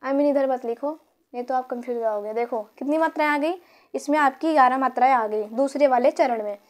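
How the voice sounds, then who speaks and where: A woman's voice: high-pitched, brisk. A woman teacher explaining a grammar lesson, counting syllables aloud and asking her pupils questions.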